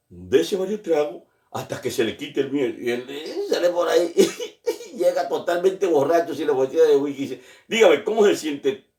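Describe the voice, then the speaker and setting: A man telling jokes in an animated way, acting out the characters and laughing at his own punchlines. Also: a little high, roomy sound, far from the mic. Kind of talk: joke telling.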